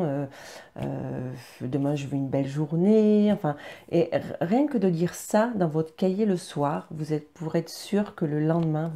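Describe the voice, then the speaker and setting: A woman's voice: low voice, gravelly, dark tone. A woman talking casually and earnestly to her viewers about her daily routine, hesitating often with fillers and restarts. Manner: earnest, encouraging, speaking directly to viewers. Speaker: vlogger sharing personal routines. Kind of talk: casual personal vlog.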